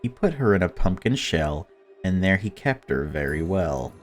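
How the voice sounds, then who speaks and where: Narrating a visual novel for a let's-play, this deep-voiced man swings widely in pitch while speaking at normal speed. He drops casual asides laced with swearing, with faint music in the background.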